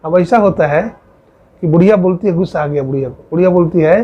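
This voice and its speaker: Male preacher, storytelling sermon, voices his characters, a bit high-pitched, muffled audio. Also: quick pace, slightly rough. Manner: acts out dialogue, rises in pitch for quoted voices. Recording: dull lo-fi recording.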